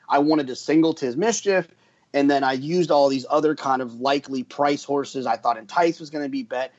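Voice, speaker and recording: A man co-hosting a horse racing podcast, telling a story with energy and lots of quick restarts. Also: mid-range voice, highs cut off. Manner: animated storyteller with frequent restarts. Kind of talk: casual podcast chat.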